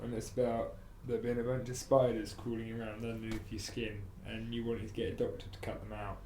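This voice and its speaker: A man's voice: on the low side, flat delivery, brisk, warm tone, a little hiss or hum. A man, a podcast guest, telling rambling anecdotes in casual chat. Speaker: podcast guest, business owner and guitarist. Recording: roomy echo.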